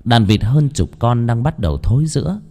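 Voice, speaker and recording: A man narrating a horror story in an expressive, dramatic reading. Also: mid-range voice, moderate pace.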